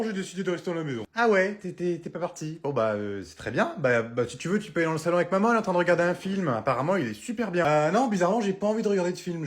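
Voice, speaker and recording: Man acting out comic sketches. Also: a little high. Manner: switches quickly between voices, mocking and bickering. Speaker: sketch comedian playing all parts. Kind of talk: comedy sketch role-play.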